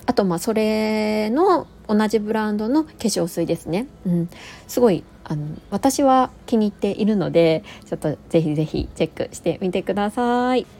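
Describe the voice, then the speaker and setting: A woman in her thirties hosting a casual solo podcast, reading out listener comments in a friendly, chatty way with soft fillers. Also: medium pitch, moderate pace. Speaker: podcast host.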